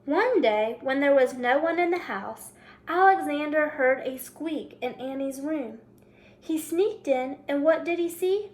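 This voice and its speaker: A woman with a high voice reads a children's picture book aloud in a teacherly way, a little slowly and with animation. She narrates and adds comments, speaking directly to young listeners and prompting them to think.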